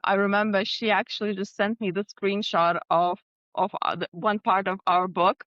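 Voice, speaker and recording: A woman's voice: medium pitch, level tone, normal speed, no room sound, highs cut off. A woman from Lithuania, a guest and co-author chatting casually on a podcast, talking with lots of fillers and frequent laughter. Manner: warm, laughs often, flowing with fillers like "like".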